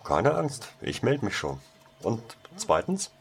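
A man's voice: medium pitch, wildly swooping pitch, slow, creaky, voice pushed up, full character voice. A man voicing a cheerful, tomboyish teenage schoolgirl who teases and giggles in a raised voice. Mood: playful. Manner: giggly, teasing.

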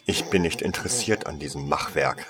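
A man's voice: extremely low pitch, brisk. A man voicing a cold, commanding noblewoman who hisses orders in a storybook reading.

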